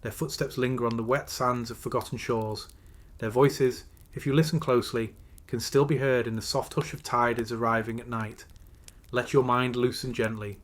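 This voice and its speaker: A man narrating a guided sleep story in a soothing, measured way, slowly and with pauses between phrases. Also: mid-range voice.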